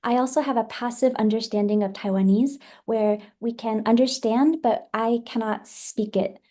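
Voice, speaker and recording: Mellow-voiced American woman guest. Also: on the high side, fairly even intonation, moderate pace. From United States, Washington D.C. area. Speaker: guest, literacy specialist. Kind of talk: interview answers.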